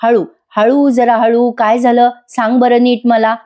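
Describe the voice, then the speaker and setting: A woman gives voice to a middle-aged mother who calms her daughter and teases her lightly. Her voice sits a little high. The tone is mellow and soft-edged. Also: a little slow, lightly acted. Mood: soothing. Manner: soothing, teasing.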